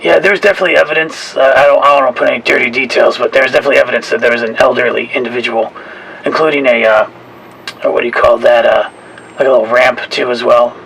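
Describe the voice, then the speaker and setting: Creaky, bright-voiced man chatting hesitantly. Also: medium pitch, fairly even intonation, poor audio. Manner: hesitant, halting, many pauses. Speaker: podcast co-host and caller. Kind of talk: casual chat. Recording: faint background noise.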